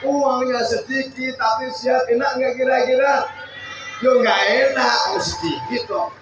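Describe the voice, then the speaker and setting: Javanese male preacher, very high and unhurried, teasing the congregation between sung lines; heavy echo. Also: fairly even intonation, a crowd in the background. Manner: jokes and quizzes the audience, breaks into slow sung refrains. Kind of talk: humorous sermon with sung verses. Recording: echoey far-off hall mic with music. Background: music band.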